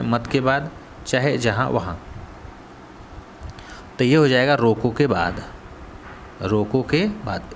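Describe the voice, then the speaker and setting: A man's voice: mid-range voice, a little hiss or hum. Hindi-accented man teaching a grammar class. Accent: Hindi, Varanasi region. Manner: asks students then answers, repeats key words. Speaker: coaching teacher. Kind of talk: exam question walkthrough.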